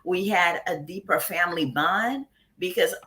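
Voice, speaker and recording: Blunt, bright-voiced woman from Haiti. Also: lowish voice, measured pace. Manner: blunt, candid, laughs often. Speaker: guest. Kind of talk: casual interview talk.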